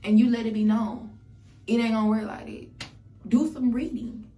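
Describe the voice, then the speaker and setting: A young woman with a fairly high but dark voice keeps a steady tone at normal speed. A self-help vlogger, she delivers a casual motivational monologue that is blunt, profane and emphatic, repeating phrases for effect. The recording is echoey, with a distant mic and background noise.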